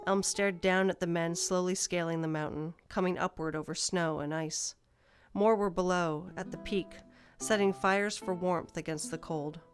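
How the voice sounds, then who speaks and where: A woman with a fairly low voice reads a scripted fantasy tale at a moderate pace, her intonation fairly even. Soft guitar music plays faintly behind her.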